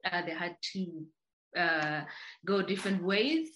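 Speaking at a measured pace, this woman has a fairly low, slightly bright, expressive voice. She's a company founder from Tanzania, looking back on her life as a podcast guest in a relaxed interview, frequently restarting her sentences and leaning on fillers.

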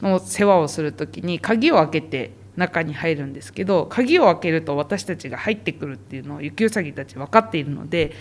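A woman's voice: sits low, expressive, fairly quick, hardly any pauses. A woman who works as a zoo animal specialist, explaining animal behavior patiently and in detail for a podcast interview.

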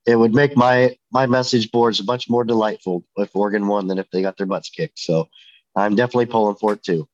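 An American man, sick with a head cold and stuffy nasal voice, chatting haltingly as co-host of a casual sports podcast. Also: on the low side, no room sound. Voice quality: congested, nasal, stuffy with a runny nose. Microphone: online video meeting call. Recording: dull, lo-fi remote call audio.

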